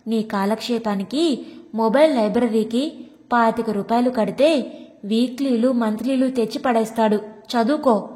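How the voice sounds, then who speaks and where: A woman's voice: on the high side, a little slow, dark tone, natural voice. A woman voicing a patient middle-aged husband who reasons and coaxes, with long room reverb. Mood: reasoning. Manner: coaxing, reasoning tone.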